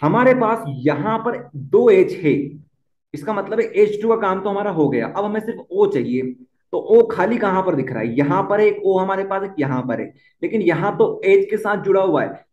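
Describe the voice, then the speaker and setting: A man's voice: sits high, animated, moderate pace, darkish tone. A young man teaching a chemistry lesson, often repeating key points and asking the class questions. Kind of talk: board-exam lesson at a whiteboard. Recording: dull, echoey room.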